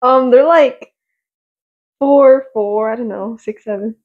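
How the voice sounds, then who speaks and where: Giggly slow-talking teen daughter. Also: female voice, a little high, muffled recording. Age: teens. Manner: giggly, offhand, hesitant. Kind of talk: casual family chat.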